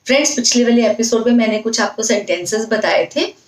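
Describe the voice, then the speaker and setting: Brief: higher-voiced woman, patient lesson host, repeats points, recorded at a distance in an echoey room. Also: fairly quick. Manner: patient, repetitive explaining. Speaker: English teacher. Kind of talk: casual spoken-English lesson. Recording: echoey room, mic set far off.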